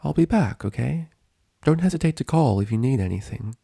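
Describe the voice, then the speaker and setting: A man voicing a kind, concerned female nurse pony in a storybook reading, calm, soft and hesitant. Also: medium pitch, a little fast, vocal fry, husky, no echo, studio quality, voice pushed up. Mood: gentle reassurance.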